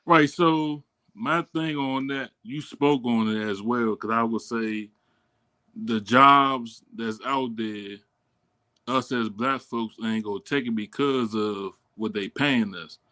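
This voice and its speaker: A man's voice: mid-range voice, slow, bright, forceful tone. A man co-hosting a podcast in slangy casual chat, often tagging "you know what I'm saying.".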